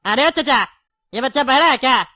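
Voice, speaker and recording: A talkative candy-shop owner who argues and laughs easily, played by a woman in a high, bright voice. The delivery is a light comedy-skit performance. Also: expressive, normal speed, a little hiss or hum. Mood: indignant. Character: chatty male shopkeeper selling cheap candy. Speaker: comic skit actor.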